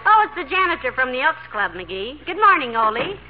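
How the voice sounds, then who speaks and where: An actress playing a sensible, dryly skeptical housewife in a 1940s radio comedy, on an old recording. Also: female voice, sits high, big pitch swings, brisk, lo-fi sound, background noise. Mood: wry. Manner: dry, patient, wry.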